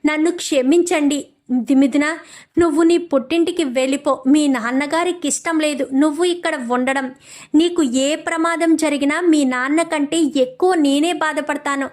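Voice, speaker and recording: A woman's voice: high-pitched, fairly even intonation, moderate pace, darkish tone, natural voice. A woman voicing an anguished young husband pleading and confessing his love.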